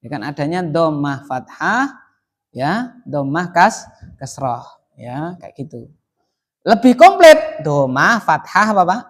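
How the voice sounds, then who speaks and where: A man's voice: fairly high pitch, sing-song, slow, fairly bright tone. A middle-aged man, teaching Arabic grammar to a class and constantly quizzing the students with prompts. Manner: quizzing students with repeated "apa, Pak?" prompts. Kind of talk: classroom lesson with call and response.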